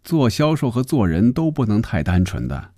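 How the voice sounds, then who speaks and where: A man's voice: mid-range voice, big pitch swings, moderate pace, warm tone, no echo, clean studio sound, pitched above the performer's own voice. A male storyteller voicing an easygoing salesman who talks in a coaxing, joking way. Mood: easy.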